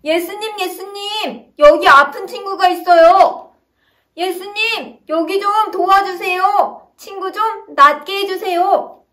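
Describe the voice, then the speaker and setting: A woman's voice: very high voice, takes it slowly, fairly bright tone, voice pushed up, full character voice. A woman voicing the eager young friends of a sick man in a story told to small children, calling out with urgent pleas. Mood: pleading. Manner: urgent, pleading calls.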